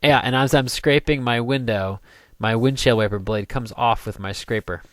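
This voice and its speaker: A man's voice: medium pitch, normal speed, a bit bright, no room sound. A young man hosting a casual gameplay video, rambling and joking as he builds. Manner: jokey, rambling, sings goofy snippets. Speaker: gaming let's play host.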